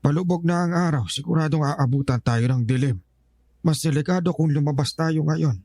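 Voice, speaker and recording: A man's voice: on the high side, normal speed, mellow, dry recording, clean studio sound. An actor playing a stern, protective old grandfather in an audio horror drama, giving urgent warnings. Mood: grave. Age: older.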